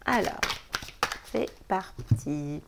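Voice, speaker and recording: A woman's voice: low voice, expressive, drawn-out words, vocal fry, noisy background. A woman giving a casual daily card reading, chatty and emphatic, breaking into laughs as she gives advice. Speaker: tarot card reader.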